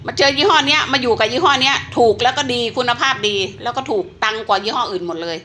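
A woman's voice: fairly high pitch, animated, fast, pushed and bright, a little hiss or hum. A woman in her sixties chatting persuasively to viewers while selling a health product. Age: 60s. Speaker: online seller. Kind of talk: casual live-selling chat.

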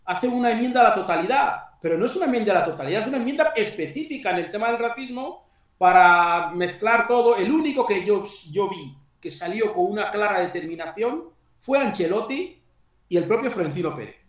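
A man's voice: high voice, expressive, fairly quick. A middle-aged man hosting an online panel discussion over a video call from a small tiled room, talking conversationally and groping for names. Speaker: host. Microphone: headset on a video call. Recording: echoey room, far from the mic.

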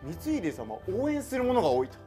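A man's voice: high voice, huge pitch swings, a little fast, dark tone, faint music behind. A man in character as an old-fashioned samurai lord, speaking archaic samurai speech, co-hosting a history drama chat. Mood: lordly. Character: old-fashioned samurai warlord persona, grand and jovial. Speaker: co-host.

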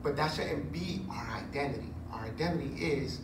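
A man in his forties preaching a sermon on a church stage into a handheld mic, chatty and animated with joking asides. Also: medium pitch, moderate pace, distant mic. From Puerto Rico heritage. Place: church stage with curtain backdrop. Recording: echoey room, recorded from afar, noisy.

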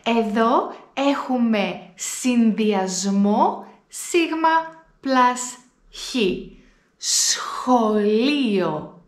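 A woman with a Greek accent teaching pronunciation, saying each word slowly and repeating it for learners. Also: fairly high pitch, expressive, echoey room. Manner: slow, deliberate word repetitions for learners. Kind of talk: pronunciation lesson to camera.

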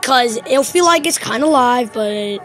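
A woman's voice: a little high, expressive, unhurried, fairly bright tone, faint music behind. A woman hosting a casual home video while watching a New Year countdown, giddy, laughing and counting down aloud. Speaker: channel host.

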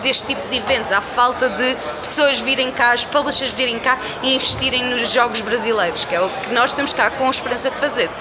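Briskly and with few pauses, a game publisher community manager in her twenties with a European Portuguese accent gives emphatic, effusive, enthusiastic answers in a casual interview, repeating herself. Her voice is a little high. Standing by a booth wall inside a festival venue, she's surrounded by crowd noise and loud event-floor bustle.

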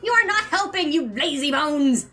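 Woman doing a pompous shouting game skeleton, very high, bright and sharp. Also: very animated, unhurried, faint music behind, heavily acted. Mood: scolding. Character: loud, vain, overeager male skeleton. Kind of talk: fan voice-over of a video game.

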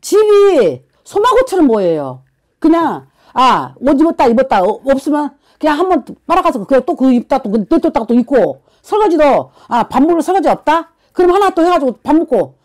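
A woman's voice: high-pitched, sing-song, a little fast. A woman fortune teller giving blunt counsel, scolding and prodding her client with constant questions. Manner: forceful, scolding, keeps prodding with "어?".

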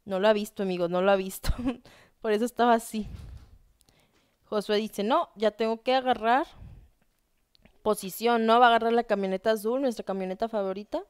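A young woman commentating a live video game tournament, excitable and talking straight to the viewers. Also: mid-range voice, fairly quick, pauses often, smooth, dry recording, studio quality.

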